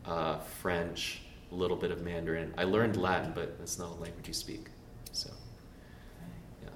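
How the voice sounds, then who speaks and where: A young Canadian man presents a casual, self-deprecating church talk with slides, speaking in a low-pitched, flat voice at normal speed. His talk is full of fillers and asides, and the recording is roomy and far from the mic, with faint noise.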